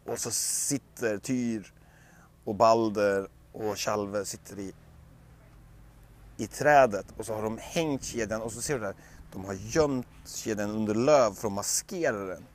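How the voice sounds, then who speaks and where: A man telling a bedtime story to a child in an animated way, with sound effects and lively voices. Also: on the low side.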